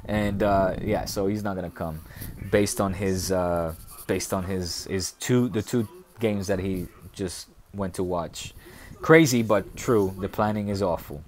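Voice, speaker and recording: A man from the Netherlands hosting a casual football live stream, reading viewer comments aloud and rambling with bursts of excitement. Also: on the low side, moderate pace, a little hiss or hum.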